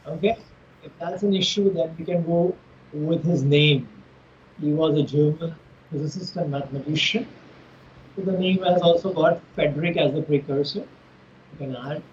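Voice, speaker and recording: A male physics teacher with an Indian English accent leads an online lesson in formal, winding sentences. His voice sits a little high and comes through a dull, muffled call line with faint hiss. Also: normal speed, a little mellow. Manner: formal, roundabout phrasing.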